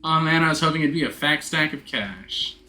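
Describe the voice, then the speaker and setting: Man putting on a brash, bright-voiced lady crook. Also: on the high side, lively intonation, a little fast. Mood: wry. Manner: wisecracking, streetwise slang. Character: brash, slangy woman thief posing as starlet. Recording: roomy echo, music behind.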